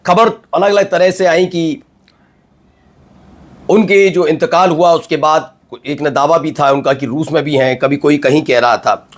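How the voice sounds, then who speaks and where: A man hosting a news commentary show, emphatic and full of rhetorical questions and drawn-out pauses. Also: fairly high pitch, steady tone. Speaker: news anchor.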